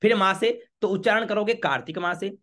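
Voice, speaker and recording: A man, a priest teaching a home worship ritual step by step, chanting Sanskrit lines slowly and checking with the listener often. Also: sits high, fairly bright tone. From Rajasthan, India. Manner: patient, repeats checks like "okay?".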